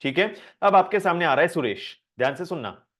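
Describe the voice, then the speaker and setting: Lively male online teacher. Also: fairly high pitch, fairly quick. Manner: lively and repetitive, asking the class questions. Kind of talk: live online class.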